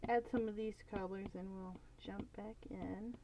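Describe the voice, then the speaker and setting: A young woman talks through her drawing on a live stream, rambling and thinking aloud with plenty of "like" and "um". Her voice sits at an ordinary middle pitch. The audio is a bit dull and lo-fi, with a faint hiss and soft clicks behind her. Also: fairly even intonation, normal speed. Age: young adult. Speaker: art streamer. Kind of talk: casual live-stream chat while drawing.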